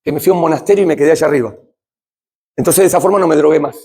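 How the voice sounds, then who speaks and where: A middle-aged man with a Rioplatense Spanish accent giving a church talk on addiction, speaking conversationally, asking his listeners questions and swinging between loud and hushed. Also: fairly high pitch, racing, breathy edge. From Argentina.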